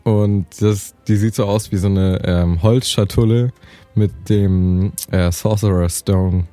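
A young man in casual podcast chat, laid-back and slangy, pausing often with fillers. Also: fairly low pitch, fairly even intonation, mellow, no room sound, soft background music.

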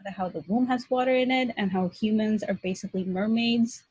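A woman from Colombia hosts a podcast interview, chatting candidly with her guest. Her voice is slightly husky and sits close and dry to the mic. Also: mid-range voice, brisk, a little mellow, no echo, dull audio. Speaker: podcast host, graduate student. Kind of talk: casual interview conversation.

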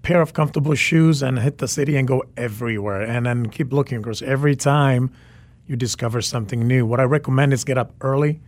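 A man in his forties, a Czech photographer and native speaker from the Czech Republic, speaks as a radio interview guest at medium pitch and a brisk pace. Enthusiastic, he repeats words for emphasis.

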